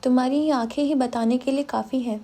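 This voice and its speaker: A playful young man who teases and prods his friend, as a woman narrator puts him on. The voice is high and mellow. He talks in a lively, joking way. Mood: teasing. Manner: teasing, playful.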